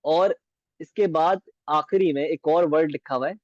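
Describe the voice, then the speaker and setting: A man teaching beginner Arabic in a patient lesson, repeating words slowly and often asking if it is clear. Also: on the high side, darkish tone, no room sound, dull audio.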